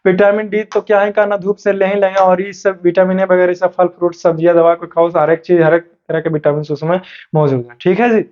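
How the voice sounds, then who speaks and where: A male teacher giving an online class lesson, switching between Hindi and English and reading questions out slowly word by word. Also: high voice, flat delivery. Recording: dull lo-fi sound.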